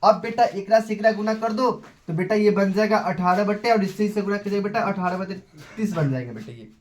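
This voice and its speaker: High-voiced Bihari maths teacher. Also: male voice, fairly quick. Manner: chatty, scolding, calls students beta. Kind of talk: casual Hindi live class.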